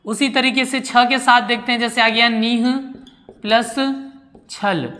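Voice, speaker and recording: In a fairly high, bright, steady voice, a woman teaches a classroom-style grammar lesson. She poses questions to her pupils, answers them herself, and deliberately repeats each key word, all with a long ringing reverb.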